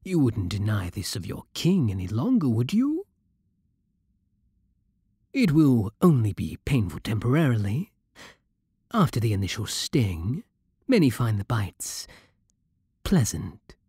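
In an ASMR roleplay, a man plays a seductive British vampire king, speaking slowly and imperiously in a very breathy, husky, mid-range voice with a lively, swooping melody. His heavily acted delivery is formal, possessive and teasing, with a soothing, seductive mood. He's close to a dry microphone.

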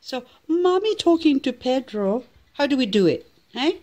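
A woman's voice: sits high, very animated, normal speed, darkish tone. A woman host talking to her pet budgie in a casual vlog, in sing-song cutesy baby talk, with a sterner tone for scolding. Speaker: pet owner and channel host.

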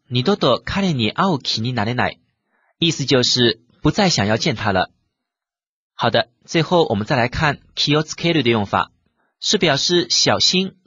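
A man teaches vocabulary in a husky, animated voice, and his pitch rises and falls often. He works methodically through each example and explains it. The recording is dry and a little dull, with a lo-fi sound. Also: no room sound. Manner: methodical, reads example sentences then translates them. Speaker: language teacher. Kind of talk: vocabulary lesson explaining Japanese words.

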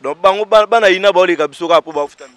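A man, a stage comedian and actor telling his story in a casual interview. He talks in animated bursts, dropping to quiet asides and rising to loud exclaims. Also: high voice, very fast, clear, resonant tone, no echo.

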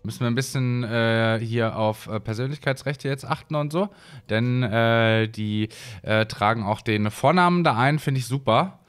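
A man from Hesse talks casually over his gameplay, rambling along with plenty of fillers and restarts. His voice sits at an ordinary middle pitch, recorded close on a desk microphone. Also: normal speed, clear, resonant tone, faint music behind. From Hesse, Germany. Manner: chatty, rambling, many fillers. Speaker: let's play host.

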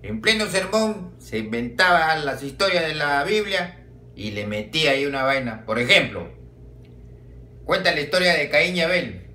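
A man with a Peruvian accent telling a joke as a stand-up comedian, swearing and jumping around in pitch. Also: moderate pace, reverberant. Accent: Peruvian Spanish. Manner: swearing, animated storytelling with big pitch jumps.

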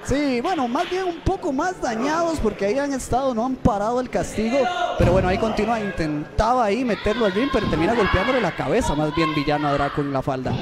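A man doing excited wrestling commentary, reacting with exclamations. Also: high voice, fast talker, few pauses. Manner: exclamatory, reacting with repeated cries. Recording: loud crowd behind.

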